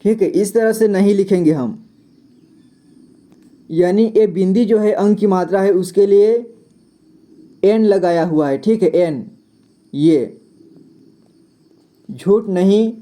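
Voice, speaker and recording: A man leads a casual spoken reading lesson at a slow, patient pace. His voice is very dark and mellow. He says each word again and again, spells it letter by letter and keeps checking in with a quick "okay.". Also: high-pitched. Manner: patient, repeats words and spells them letter by letter; fills gaps with a frequent 'okay'. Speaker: teacher.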